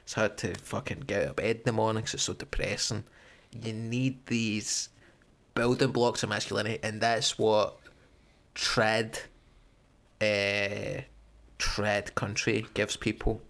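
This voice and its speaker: A man co-hosting a podcast, chatting casually with crude, deadpan jokes and frequent swearing. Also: lowish voice, a little slow. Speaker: podcast co-host. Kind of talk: casual chat.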